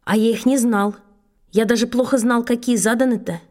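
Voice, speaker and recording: A woman reading a children's story aloud in first person, lively and expressive. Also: fairly high pitch, normal speed. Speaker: audiobook reader.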